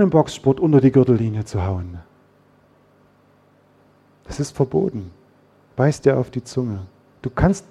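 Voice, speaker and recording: A man preaching a sermon, lively, acting out quarrels in quoted voices. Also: a little high. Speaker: pastor.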